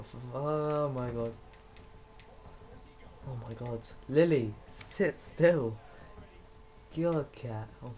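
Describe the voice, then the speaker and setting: A man's voice: mid-range voice, darkish tone, a little hiss or hum. Casual young man chatting over gameplay. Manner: chatty, rambling, swears when frustrated. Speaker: gaming YouTuber.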